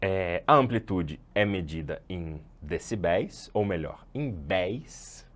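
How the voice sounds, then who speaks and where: Brazilian male instructor, lowish voice, chatty online lecture, loose explanations with self-corrections. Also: animated, takes it slowly. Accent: Brazilian Portuguese. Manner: chatty and explanatory, corrects himself mid-sentence. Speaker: sound design instructor.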